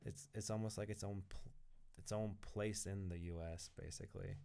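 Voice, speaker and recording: Gravelly low-voiced man chatting casually. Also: steady tone, moderate pace, dark tone, a little hiss or hum. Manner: rambling, laughs often, swears casually. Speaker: podcast guest or co-host. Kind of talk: casual conversation. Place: indoor podcast recording in Colorado.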